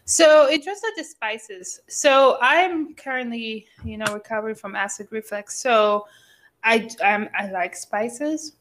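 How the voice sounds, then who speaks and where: A woman's voice: on the high side, measured pace, a bit bright, a little hiss or hum. A young woman co-hosting a podcast in casual chat, rambling with fillers and restarts, a bit sick and coughing. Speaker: podcast co-host.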